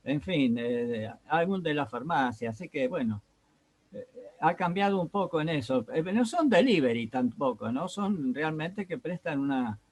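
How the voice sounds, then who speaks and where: A woman's voice: deep voice, animated, moderate pace, a little mellow, breathy edge. A woman co-hosting a dialogue series, talking casually with short, affirming replies. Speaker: co-host, moderator. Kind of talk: casual conversation.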